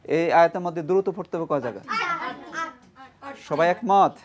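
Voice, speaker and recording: A man teaching Quran reading on a TV lesson, spelling out each letter and vowel mark and having a group of children repeat after him, now and then reciting the verse in a slow, drawn-out way. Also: fairly high pitch, crowd noise. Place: TV studio with a children's class. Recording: broadcast studio with a group of children. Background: children chanting along.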